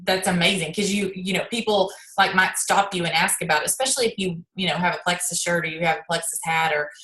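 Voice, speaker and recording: A woman's voice: fairly low pitch, fairly even intonation, fast talker, sharp tone, echoey room, rough recording. A woman leading her sales team on a video call, chatting casually and acting out little conversations with lots of fillers. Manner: chatty, acts out dialogue, many fillers. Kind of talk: casual coaching talk.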